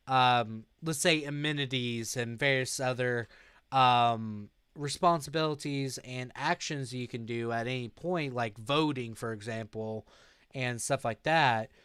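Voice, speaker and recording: A sleep-deprived young man chats slowly on his live stream and answers viewers' messages as they come in. His voice is clean and clear, in a dry, close room with no echo. He is relaxed and unhurried, drawing out his words. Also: mid-range voice. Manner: slow, sleepy, reads chat aloud. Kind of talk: casual live-stream chat.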